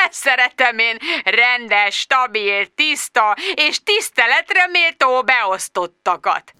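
Woman putting on a mocking high-voiced male boss. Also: animated, sharp tone, clear, resonant tone, no echo, studio quality. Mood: cackling. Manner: teasing, sing-song, drawn-out.

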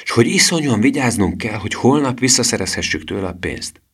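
A man's voice: medium pitch, expressive, fairly bright tone, husky, voice pushed up. A man voicing a cheeky, boastful boy who teases his friends and brags about his undercover adventure in an audiobook. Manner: boastful, teasing, storytelling.

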